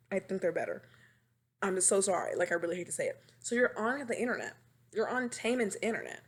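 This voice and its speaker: Rambling young woman podcaster on a webcam mic. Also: fairly low pitch. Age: 20s. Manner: animated, rambling, dramatic and self-mocking. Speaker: podcast host. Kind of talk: casual chat. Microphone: webcam microphone.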